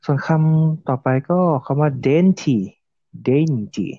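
A man's voice: on the high side, takes it slowly, dark tone, no echo. A young man co-hosting a podcast vocabulary lesson, explaining words in a polite, formal way. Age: young adult. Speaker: co-host. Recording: dull lo-fi dry recording.

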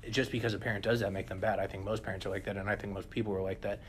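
Young man chatting, lowish voice. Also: very fast, slight background noise. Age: young adult. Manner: animated, addresses listeners with "listen". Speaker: podcast co-host. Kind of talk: casual chat.

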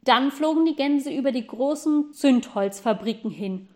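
Woman calmly reading a storybook aloud. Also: high voice, normal speed. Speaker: narrator. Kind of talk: audiobook storytelling.

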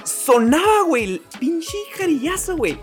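Man, Mexican accent, high voice, podcast co-host, crude casual storytelling, faint background music. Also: moderate pace. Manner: profane, animated storytelling, says güey after almost every phrase.

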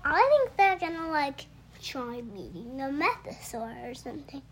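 A woman's voice: sits high, very animated, unhurried. A young girl co-hosting a family podcast, chatting in a rambling, giggly way. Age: child. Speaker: podcast co-host. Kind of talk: casual chat.

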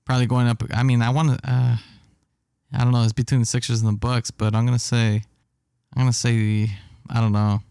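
A man talking basketball in a relaxed chat, laughing often and trailing off mid-thought. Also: medium pitch, a little fast, clean tone, no echo, clean studio sound. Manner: laid-back, laughs often, trails off and restarts.

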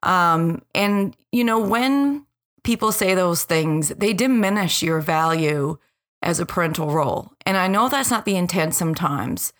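A woman in her forties with a slightly low voice gives a personal, reflective monologue as a podcast host. She speaks directly to listeners in an earnest, deliberate way. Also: lively intonation, a bit bright.

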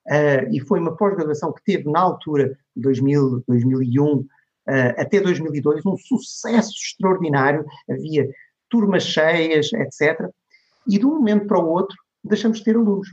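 A middle-aged Portuguese man with a European Portuguese accent speaks in a fairly high, darkish voice at a moderate pace. He is a digital marketing lecturer appearing as a guest, telling stories conversationally in an interview and voicing the people he quotes. The recording is dull and lo-fi.

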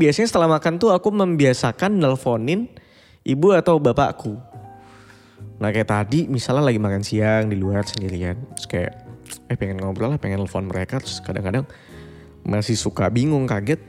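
A man's voice: medium pitch, darkish tone. Young man, bedtime podcast host, confiding and reflective, long reverb, faint music behind. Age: 20s. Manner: reflective, confiding, mixes in English phrases. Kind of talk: casual bedtime podcast monologue.

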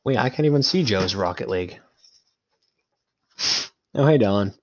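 A man's voice: lowish voice, animated, moderate pace, a little mellow. A young man chatting casually with his friends in joking gamer-bro banter full of slang. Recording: dull lo-fi mic sound.

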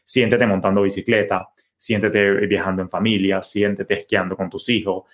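A middle-aged man talks through a personal finance podcast episode alone. He sounds earnest and coaching, and he leans on homely examples. His voice sits fairly low. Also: little pitch movement, moderate pace. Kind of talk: monologue podcast.

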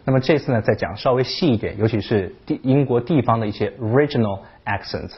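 A man hosting a casual video lesson on English, talking in an animated way and breaking off to imitate accents. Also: mid-range voice, fast, husky, highs cut off. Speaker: English teacher, channel host.

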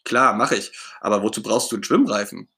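A man's voice: lowish voice, animated, quick pace, bright, forceful tone. A man voicing a friendly, helpful puppet monster in a storybook reading, matter-of-fact in manner.

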